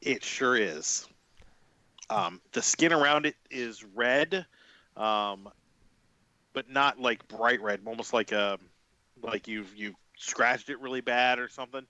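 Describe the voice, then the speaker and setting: A man's voice: mid-range voice, slow, pushed and bright, no echo, lo-fi sound. A man narrating a tabletop game as game master in a casual, um-filled way.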